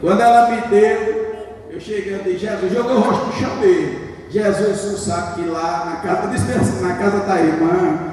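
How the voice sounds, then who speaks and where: A man, a church deacon, telling a testimony as a sermon and building into shouted, half-sung preaching. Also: high-pitched, fairly even intonation, normal speed. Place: church service. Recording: echoey church hall, mic at a distance.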